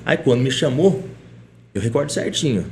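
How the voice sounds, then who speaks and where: A middle-aged man, a police chief guesting on a podcast, telling a lively story in casual chat and often tagging his sentences with little questions. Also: mid-range voice, normal speed, a little hiss or hum. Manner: lively anecdotal telling, frequent tag questions.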